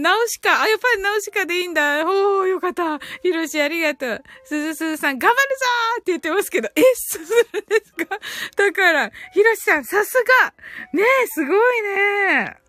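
A woman's voice: very high voice, a bit bright, no echo. A woman hosting a casual live stream, reading listener comments aloud and laughing often. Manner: giggly, reads comments aloud with frequent laughter.

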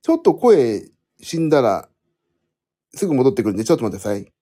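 Casual podcast man, husky and mellow, lively pitch, rambling and self-correcting. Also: fast talker. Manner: rambling, self-correcting, thinks aloud while using his phone. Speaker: podcast host. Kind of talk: casual solo chat to listeners. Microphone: phone.

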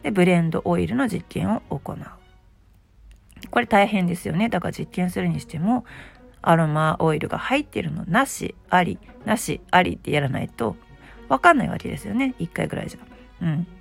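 A middle-aged woman with a very gravelly, just-woken hoarse voice, pitched on the low side. She hosts a casual solo talk with a chatty, self-deprecating manner. Faint music plays behind her. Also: animated, a little fast. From Osaka, Japan. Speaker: host, aromatherapy shop presenter.

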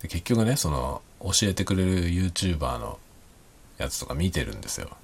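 Man, very low husky voice, lively pitch, quiet late-night rambling solo chat with chuckles. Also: normal speed. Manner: soft, rambling, self-deprecating, chuckles often; speaks quietly while drinking. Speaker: podcast host.

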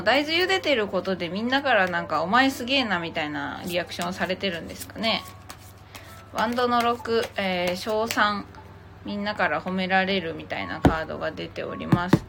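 On a relaxed tarot livestream, a woman with a medium-pitched, sharp-toned voice banters playfully with commenters, shifting between polite speech and teasing casual talk. She is the host and tarot reader, and music plays behind her along with slight background noise.

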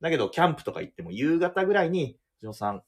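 A man's voice: a little high, very fast. A middle-aged man from Osaka, a play-by-play announcer, telling stories animatedly in a casual radio talk. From Osaka, Japan. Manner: animated storytelling, quotes others in dialect.

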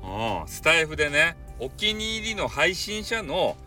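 A man's voice: fairly high pitch, sing-song, measured pace, pushed and bright, soft background music. A man with a Hakata dialect, chatting casually and jokingly as the host of a solo podcast. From Fukuoka, Japan. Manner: chatty, jokey, mixes dialect into polite speech.

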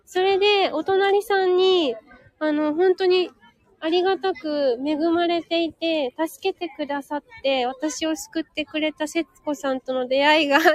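A woman's voice: high-pitched, fairly even intonation, a little slow, dry recording. A woman live streaming from an outdoor market stall, chatting to listeners and serving customers in a polite, welcoming customer-service voice. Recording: busy outdoor crowd noise behind. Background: crowd chatter.

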